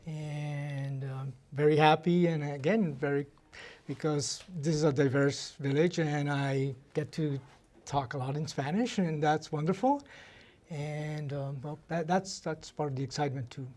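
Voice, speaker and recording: A man from Colombia answers questions on a live TV interview. His voice is fairly high for a man, and he speaks haltingly, restarting his sentences as he gathers his thoughts. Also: darkish tone. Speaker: newly elected trustee guest.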